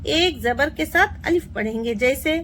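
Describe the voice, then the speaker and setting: A woman with a very high, bright voice leads a reading lesson. She recites each letter and its sound slowly and draws the syllables out. A faint hum of noise sits behind her. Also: animated. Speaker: Quran reading teacher.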